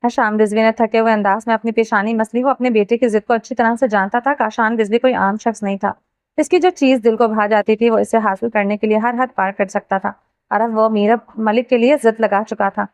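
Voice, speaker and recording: A woman with a fairly high voice reads a romance novel aloud. She tells the story steadily. The recording is close and dry. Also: steady tone, no echo. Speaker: narrator.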